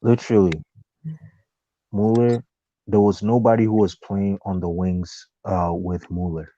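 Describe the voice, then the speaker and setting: A man's voice: low voice, flat delivery, unhurried, warm tone. A man on a conference call, insistently arguing in a heated casual football debate. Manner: insistent, repeats himself, cuts in. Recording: dull dry online call line.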